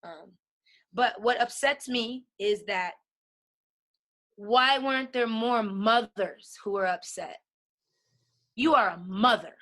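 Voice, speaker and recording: Bright, high-voiced passionate woman. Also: slow, long pauses. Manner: emphatic, keeps asking "right?". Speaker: podcast guest. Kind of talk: passionate conversation.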